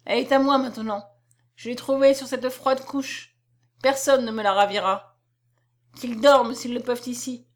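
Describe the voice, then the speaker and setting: A woman's voice: on the high side, steady tone, moderate pace, lightly acted. Woman reading as anguished young man, passionate, defiant, storybook reading. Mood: impassioned.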